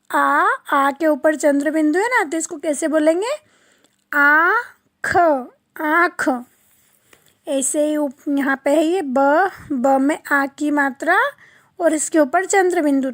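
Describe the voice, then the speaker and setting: A primary school teacher with a high voice gives an online class lesson to young children, slowly drawing out each word syllable by syllable. She asks the class questions and then answers them herself. The audio is clean studio sound with no room ambience.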